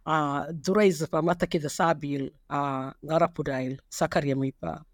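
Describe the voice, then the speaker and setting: Guy reading an explainer script, kinda high voice, dry close sound. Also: normal speed, no room sound. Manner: steady reading of quotes and numbered points. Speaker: narrator. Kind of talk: read-aloud explainer narration.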